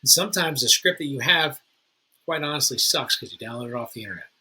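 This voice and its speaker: A man with a very bright, forward tone and a husky edge walks other realtors through his methods. He talks in a loose, chatty way, full of restarts and slang. It sounds like a casual tutorial from one agent to his peers. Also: medium pitch, lively intonation, fast talker, poor audio. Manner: informal, chatty, self-correcting. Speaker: realtor and channel host. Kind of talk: casual how-to talk to fellow agents.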